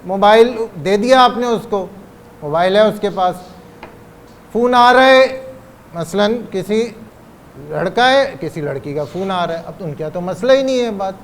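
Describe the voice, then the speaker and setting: High-voiced man preaching. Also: animated. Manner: rhetorical questions, emphatic repetition, drawn-out stressed phrases. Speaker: cleric giving a religious lecture. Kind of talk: Urdu religious lecture on parenting.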